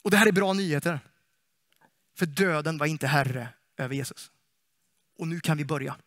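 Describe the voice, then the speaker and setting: A man preaching a sermon in a church, lively and playful, often asking the congregation questions. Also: a little high, no echo, studio quality.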